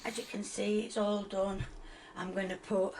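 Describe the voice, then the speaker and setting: A woman's voice: medium pitch, flat delivery, moderate pace, darkish tone, slight background noise. An older woman narrating her own homemade cooking video, chatting hesitantly as she talks herself through each step. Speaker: home cook in a video.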